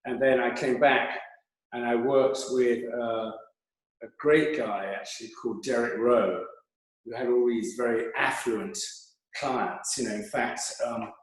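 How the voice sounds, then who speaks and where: A man's voice: medium pitch, steady tone, a little slow. An older British man telling rambling, chatty stories with many fillers as an interview guest. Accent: British English. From Britain. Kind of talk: anecdotal interview talk. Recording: very echoey room.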